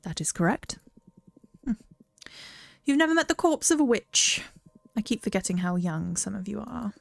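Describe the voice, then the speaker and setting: A woman voicing a calm, aloof undead witch in a video game, reading in a slow, measured, low voice. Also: creaky, dry recording. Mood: solemn.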